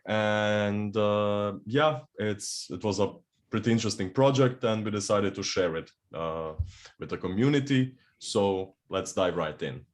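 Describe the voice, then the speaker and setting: Young croatian-born guy opening a meetup talk, really low voice, easygoing and a bit jokey. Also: measured pace. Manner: relaxed, lightly joking, frequent "uh" fillers. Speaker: developer relations engineer, speaker. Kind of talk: technical meetup presentation. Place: meetup venue.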